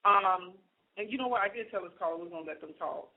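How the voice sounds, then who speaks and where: A man's voice: high-pitched, quick pace, phone-quality sound. A man hosting a radio show, interviewing in a casual, chatty way.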